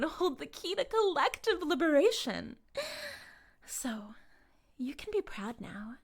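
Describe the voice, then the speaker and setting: A woman with a high voice takes the role of a charismatic cult leader in a dramatic audio roleplay, radiating grandiose fervor. She sounds smugly menacing, speaking in a pompous, articulate way that condescendingly tries to persuade.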